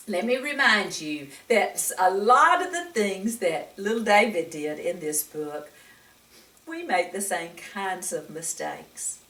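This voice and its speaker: A woman reading a picture book to young children has a fairly low pitch and a somewhat bright tone. She reads expressively, exclaiming and often asking the listener questions, recorded on a distant mic in an echoey room.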